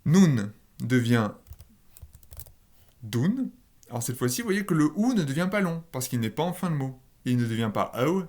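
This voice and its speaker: A man teaching a linguistics lesson in French. He walks through the rules step by step, with fillers and small asides. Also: mid-range voice. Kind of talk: recorded screen lesson.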